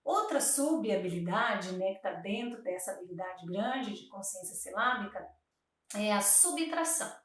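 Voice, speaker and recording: A Brazilian woman speech therapist explains to camera, patiently sounding out words slowly, syllable by syllable. Her medium-pitched, slightly bright voice has lively intonation. She's recorded from a distance, off-mic, in a very echoey room.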